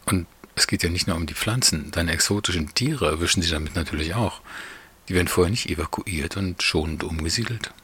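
A man voicing a calm male neighbor who explains things in a measured, slightly scornful, lecturing way. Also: deep voice, breathy edge, heavily acted. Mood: explaining.

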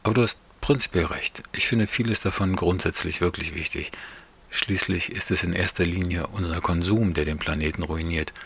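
A man voicing a calm male neighbor who explains things in a measured, slightly scornful, lecturing way. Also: sits low, gravelly, slightly rough, exaggerated voice. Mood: explaining.

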